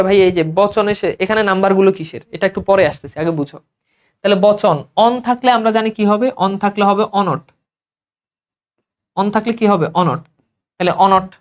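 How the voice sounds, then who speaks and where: In a high-pitched voice, a Bangladeshi man teaches grammar for an exam, drilling students by asking questions and supplying the answers himself over and over.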